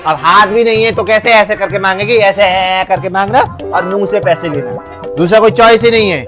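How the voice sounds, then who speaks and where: A man's voice: high voice, brisk, natural voice. A man playing an exasperated father in a comedy sketch, nagging and sarcastic. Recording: faint music behind.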